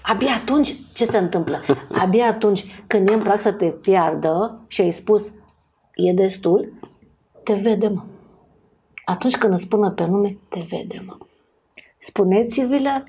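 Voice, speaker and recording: A woman talking as a podcast guest in a casual, animated way, acting out what people say. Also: mid-range voice. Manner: animated, acts out quoted voices.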